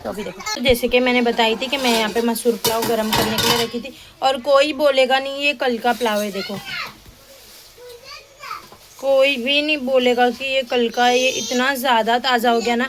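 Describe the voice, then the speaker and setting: A woman who is a mother, chatting casually to her phone camera in her home kitchen, teasing her son and talking through her chores. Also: high-pitched. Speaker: vlogger, mother. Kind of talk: casual home vlog narration. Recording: noisy home recording.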